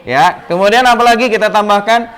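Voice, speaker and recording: A man with an Indonesian accent teaches an English lesson in a classroom. His voice sits a little high. He explains patiently and repeats words over and over to drill pronunciation. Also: fairly quick, a bit bright, clean tone.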